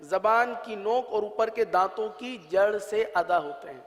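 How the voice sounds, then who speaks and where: A man with a Pakistani Urdu accent teaching how to pronounce Quranic letters, patiently repeating each sound in long drawn-out syllables. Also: high voice, lively intonation, a bit bright. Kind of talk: religious letter-pronunciation lesson. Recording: long reverb.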